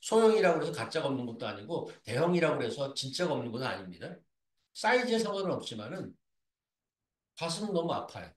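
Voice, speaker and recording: A man's voice: a little high, very animated, fast talker, roomy sound. A man preaching a sermon as pastor, dropping English phrases and acting out the voices of scripture and scoffers. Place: church sanctuary.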